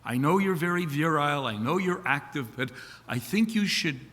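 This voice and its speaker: Man reads a calm, frank doctor; bright tone, long hall reverb. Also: fairly high pitch, normal speed. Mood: advising.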